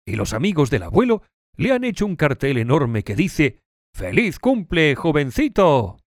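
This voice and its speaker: A man reading his part in a scripted language-learning dialogue, with a clear, expressive delivery. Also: mid-range voice, normal speed, no room sound, studio quality. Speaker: dialogue reader.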